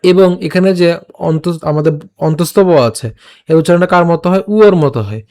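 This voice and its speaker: রাগী নয়, ধৈর্যশীল বাঙালি পুরুষ শিক্ষক. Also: male voice, fairly high pitch, fast, darkish tone. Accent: Bengali. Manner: explains patiently, breaks words into syllables and repeats them. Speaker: Gita recitation teacher. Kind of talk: online lesson with slow syllable-by-syllable recitation.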